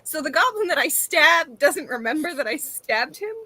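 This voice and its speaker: Female player, high and bright, playful joker. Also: animated. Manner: joking, quick-witted. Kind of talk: casual tabletop play.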